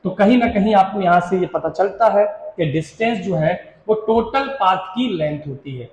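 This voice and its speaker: Male physics lecturer, high voice, drills definitions by repetition; reverberant room. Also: darkish tone, dull audio. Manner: repeats definitions slowly, quizzes the class; mixes Hindi with English terms. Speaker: physics teacher. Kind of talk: classroom lecture.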